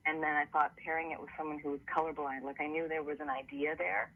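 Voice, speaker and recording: A man's voice: on the high side, level tone, quick pace, vocal fry. A man, an author, giving conversational, explanatory interview answers over a narrow phone line. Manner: explanatory, storytelling. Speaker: author and TV producer being interviewed.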